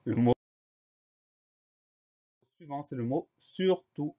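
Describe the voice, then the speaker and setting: A man's voice: a little high, takes it slowly, warm tone, lo-fi sound. A man teaching a spelling lesson, explaining each word patiently and spelling it out letter by letter.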